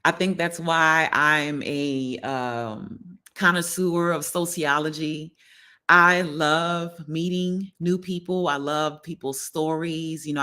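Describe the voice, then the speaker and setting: Low but bright, her voice has a forceful tone as she hosts a wellness livestream. The middle-aged New Orleans woman chats conversationally, addressing viewers directly and repeatedly seeking their agreement.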